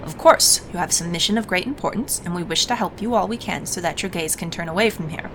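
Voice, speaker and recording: A woman's voice: fairly low pitch, fast talker, noisy background, lightly acted. A woman voicing a pompous male wizard advisor from a game, with solemn, theatrical, hammy stage delivery, falsely subservient. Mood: solemn, formal. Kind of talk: video game dialogue read-aloud.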